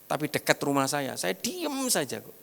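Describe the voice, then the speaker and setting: Middle-aged east javanese guy preaching, gravelly voice, big church hall echo. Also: fairly high pitch, huge pitch swings, normal speed, a bit bright. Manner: storytelling, mixing in regional slang, acting out quoted voices. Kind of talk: sermon. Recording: long hall reverb.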